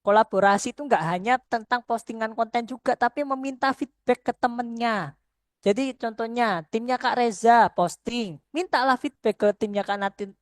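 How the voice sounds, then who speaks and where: A woman's voice: fairly high pitch, no room sound. Earnest woman lecturing students. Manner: conversational, earnest, repeats herself for emphasis.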